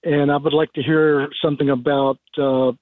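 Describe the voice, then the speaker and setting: A retired man over sixty-five, calling in with a halting question and many fillers, heard through a clipped telephone line. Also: on the high side, level tone, no echo. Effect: clipped, tinny telephone line. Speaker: caller. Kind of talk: call-in question to a radio show. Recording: dry, tinny phone line.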